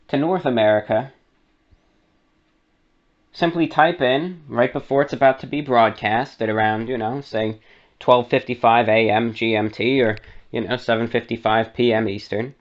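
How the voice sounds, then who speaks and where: With the high frequencies missing from the recording, a medium-pitched man hosting a radio program narrates a how-to tutorial. He keeps it conversational, working through each step and tossing in asides.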